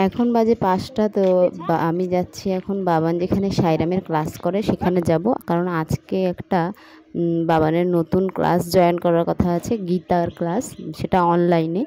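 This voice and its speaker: A woman's voice: fairly low pitch, steady tone, moderate pace, warm tone. A woman in her thirties, a vlogger and mother, chatting casually to viewers while going about her day at home. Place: rural home and courtyard on a hot day. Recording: outdoor ambience with passing vehicles. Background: traffic and ambient noise.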